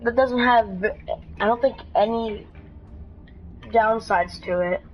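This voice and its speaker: A woman casually talking through a game on a live stream, rambling and halting, with frequent restarts. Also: a little high. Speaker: gaming streamer. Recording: dull lo-fi stream audio with faint noise.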